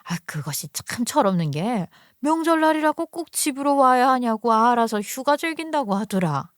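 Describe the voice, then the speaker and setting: An exasperated older mother scolds and sighs, quick to defend herself, as a woman reader puts her on. The voice sits fairly high for a woman. The sound is dry and close, like a storybook reading. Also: big pitch swings, dry recording. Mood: scolding, defensive.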